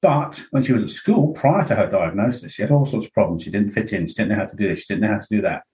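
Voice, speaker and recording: Low-voiced man talking frankly. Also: animated, fast talker, darkish tone, rough recording. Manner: rambling, frank, with many "um"s and quoted asides. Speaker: interview guest. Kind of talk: candid podcast conversation.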